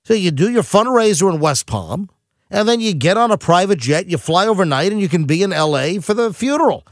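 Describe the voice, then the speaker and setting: A middle-aged man hosting a talk radio show, ranting in a quick, animated monologue full of asides and restarts. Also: high voice, no echo, clean studio sound.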